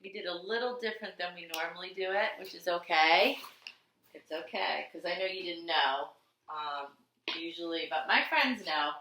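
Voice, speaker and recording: Slight background noise and an echoey room surround this primary school teacher, who stands far from the microphone. At a moderate pace, her lowish, sharp-toned voice guides young children through handwriting patiently, in a sing-song way full of simple repeated phrases and questions.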